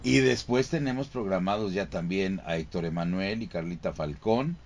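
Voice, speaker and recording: A man's voice: sits low, moderate pace, darkish tone. A man who works as a voice actor, chatting casually as a show regular. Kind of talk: casual chat.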